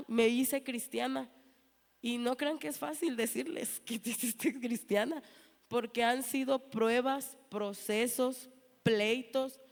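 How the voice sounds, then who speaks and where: A woman in her thirties tells her testimony to a church, earnest and storytelling, acting out the voices of the people she quotes. Her voice sits a little high. It rings with the long reverb of a large hall. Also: gravelly. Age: 30s. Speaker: church member giving testimony.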